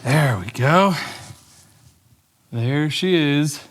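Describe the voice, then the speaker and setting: A man's voice: fairly high pitch, lively intonation, very slow, big-room sound, noisy background. A man casually explaining car work step by step as a DIY vlogger, chatty with dry joking asides. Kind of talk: casual how-to narration. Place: home garage.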